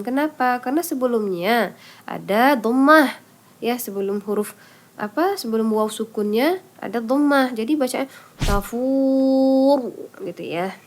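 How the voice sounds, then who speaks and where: A woman teaching Quran recitation rules in an online lesson. She explains patiently, step by step, poses questions and answers them herself, and draws out example syllables slowly. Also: on the high side, slight background noise.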